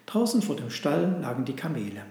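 A man narrating a storybook read-aloud in a calm, even storytelling manner. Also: fairly high pitch, brisk, gravelly. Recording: roomy echo.

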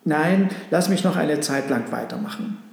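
A man's voice: fairly high pitch, expressive, moderate pace, creaky, very echoey, in a large hall. A man voicing an overworked woman in a storybook who laments and pleads. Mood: lamenting. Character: overworked woman, Mary's sister.

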